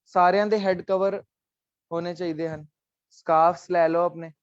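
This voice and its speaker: A man's voice: sits high, flat delivery, a little slow, clean tone, dry recording, muffled recording. A man teaching a live online class, explaining letters patiently and coaxing students, dropping in English phrases.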